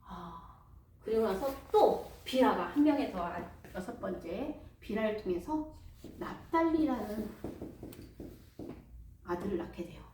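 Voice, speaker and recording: Woman church storyteller, animated, recorded from a distance with a faint hiss. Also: medium pitch, unhurried, pauses often. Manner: lively, asks the listeners questions. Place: church hall. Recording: echoey hall, distant mic, faint noise.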